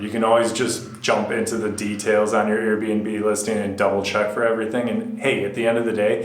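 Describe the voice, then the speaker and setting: A man vlogging casual travel tips from a bare concrete bathroom, his voice echoing like in a cave. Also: fairly low pitch. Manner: chatty, giving tips. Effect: cave-like echo from the bare concrete walls. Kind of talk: casual walkthrough.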